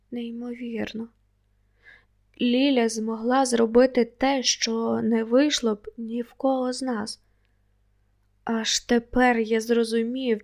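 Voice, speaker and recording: Gravelly, even-toned woman narrating an audiobook. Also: fairly high pitch. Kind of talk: first-person audiobook narration.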